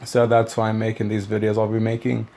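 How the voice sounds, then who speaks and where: Gravelly young man casually rambling. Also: on the low side, monotone, fast talker, mellow, slight background noise. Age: young adult. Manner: rambling, loose, many fillers and restarts. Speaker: new Marine recalling boot camp. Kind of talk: casual storytelling vlog.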